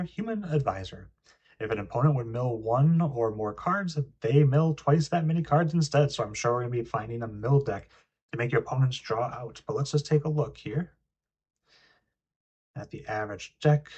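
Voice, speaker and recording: A man's voice: medium pitch, a little mellow, breathy edge, lo-fi sound. A young man hosting a casual card game review, reading card text aloud between frequent ums and uhs. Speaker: card game video host.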